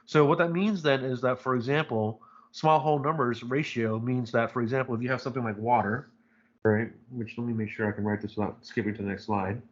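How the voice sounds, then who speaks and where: A man's voice: mid-range voice, steady tone, brisk, lo-fi sound. A man teaching a live online chemistry lecture, talking casually and rambling, with many fillers and frequent "right?" checks. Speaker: chemistry instructor.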